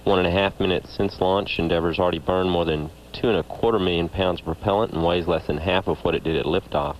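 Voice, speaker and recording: A man reporting as a mission control commentator in a measured, factual way. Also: sits low, steady tone. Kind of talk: flight commentary. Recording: faintly noisy mission control feed.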